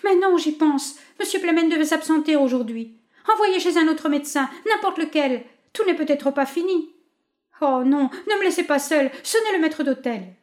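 A woman doing a young wife in a storybook, overcome with grief. Her voice climbs high and loud and keeps cracking with distress. Every line sounds close to tears. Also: animated, moderate pace. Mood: frantic. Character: young grieving wife, frantic and tearful.

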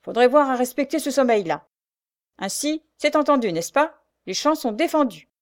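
A woman voicing a gruff, bossy male army sergeant who barks orders loudly, reading a storybook. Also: high-pitched, animated, moderate pace, voice pushed up. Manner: barking orders, loud and rough.

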